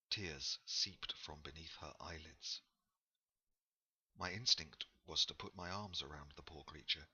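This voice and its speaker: A man narrating a novel in a measured, unhurried storytelling manner. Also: a bass voice, pushed and bright, slightly rough, muffled recording. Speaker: audiobook narrator. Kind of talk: scripted narration.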